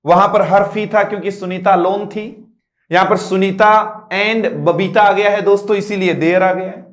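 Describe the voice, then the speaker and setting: Guy teaching english in a roomy echoey class, high voice, slow careful explaining. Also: steady tone. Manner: repeats "dosto", asks "are you getting me"; patient, drawn-out word-by-word explanations. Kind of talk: classroom lecture.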